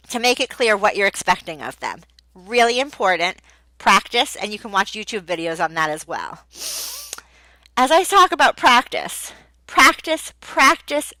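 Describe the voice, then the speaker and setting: A woman's voice: mid-range voice, sharp tone, no echo, rough recording. A woman giving tips on teaching English online, emphatic and repeating key words for effect. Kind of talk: casual advice video.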